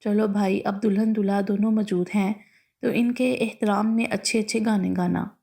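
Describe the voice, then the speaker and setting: A woman's voice: medium pitch, fairly even intonation, normal speed, creaky, dark tone, close to an everyday voice. A woman reading a teasing young bride's friend. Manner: playful teasing.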